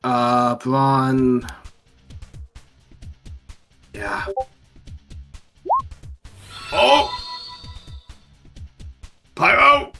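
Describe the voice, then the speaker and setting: A man playing a tabletop game, chatting casually with excitable, drawn-out exclamations. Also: mid-range voice, creaky, faint music behind.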